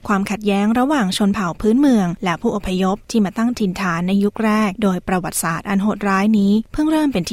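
A woman's voice: medium pitch, darkish tone, no echo. A woman narrating a scripted news feature as a radio presenter, formal and carefully enunciated.

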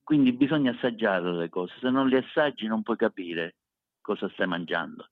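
A street food cook with a Sicilian accent chats casually as an interview guest, speaking emphatically and repeating words to hammer his points home. His voice is fairly low with lively intonation at a normal speed, and the recording is echoey, dull, and lo-fi.

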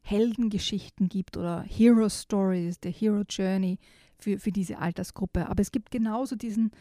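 A woman's voice: mid-range voice, normal speed, mellow, no echo, clean studio sound. A woman talking about youth novels on a radio show, thoughtful and conversational with some restarts. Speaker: book reviewer on a radio show. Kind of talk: conversational book discussion with read-aloud excerpt.

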